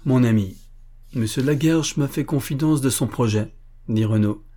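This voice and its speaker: A man voicing a bold young swordsman who talks in a lively, bantering way. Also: mid-range voice, normal speed, lightly acted. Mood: confiding.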